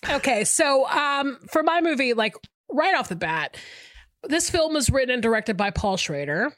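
Lively woman co-hosting a film podcast. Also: high-pitched, normal speed, no room sound. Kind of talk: casual conversational film discussion.

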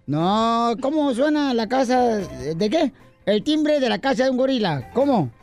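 A man's voice: extremely high pitch, very animated, measured pace, soft background music. A Mexican man hosting a radio comedy show, telling jokes with rowdy, teasing banter.

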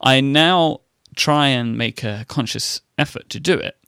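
An English man with a gravelly, creaky mid-pitched voice chats in easy, good-humoured banter. He swaps th sounds for f in the way of his home accent. The recording is close and dry. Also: pushed and bright, no room sound. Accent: English, th-fronting. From Britain. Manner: good-humoured, quick to laugh. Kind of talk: casual comedic chat.

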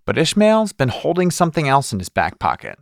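A man narrating a business pitch show in a scripted voice-over with a punchy, dramatic delivery. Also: huge pitch swings, brisk, vocal fry, no room sound, studio quality.

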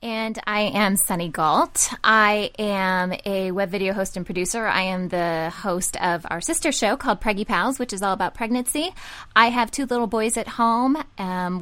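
A woman's voice: mid-range voice, fairly bright tone, no echo. Cheerful woman panelist. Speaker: panelist, web video host. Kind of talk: casual self-introduction.

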